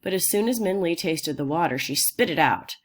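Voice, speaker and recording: Low-voiced woman reading a children's book. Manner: steady, unhurried storytelling. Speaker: audiobook reader. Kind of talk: reading a children's novel aloud.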